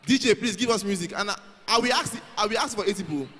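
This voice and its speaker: A man's voice: sits high, lively intonation, quick pace, sharp tone. A man hosting a live youth event in a large hall, coaxing and calling out to the crowd. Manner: coaxing, calls out to the crowd, repeats himself.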